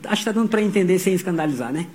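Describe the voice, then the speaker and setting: A middle-aged pastor with a high voice delivers a sermon. He tells stories with energy and voices the people in them. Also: very fast. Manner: animated storytelling, voicing quotes.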